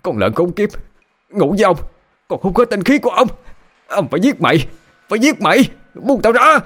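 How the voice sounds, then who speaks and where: A man's voice: high-pitched, big pitch swings, normal speed, a bit bright, voice pushed up, exaggerated voice. A man voicing a cowardly, panicked man who stammers as he begs for his life. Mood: raging. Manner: stammering, pleading.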